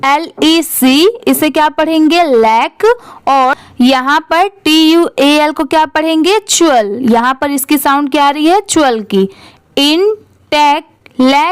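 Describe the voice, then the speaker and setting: A woman's voice: high voice, no room sound. A woman with an Indian accent teaching English reading, patiently spelling words out letter by letter and asking questions. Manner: reads English text very slowly, word by word. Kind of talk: slow spelled-out reading lesson.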